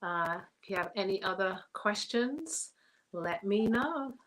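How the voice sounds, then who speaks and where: A woman's voice: mid-range voice, lively intonation, measured pace, noisy background. A woman hat maker chatting on a live stream, slightly out of breath, talking in a chatty way with laughs between phrases. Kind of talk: casual livestream chat.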